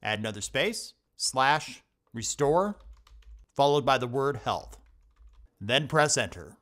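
A man of middle pitch narrates a computer repair tutorial as a scripted voice-over. He walks through each step in a steady, instructional way, spelling out commands letter by letter. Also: slow. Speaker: tech tutorial host. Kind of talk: scripted screen-recording voice-over.

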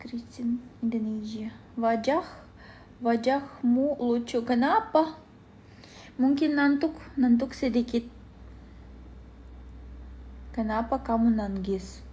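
A woman's voice: on the high side, mellow. A woman from Belarus, chatting casually on a phone livestream and answering comments. She is tired and sleepy, and halts often to search for words. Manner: halting, searching for words, many pauses with "eh".

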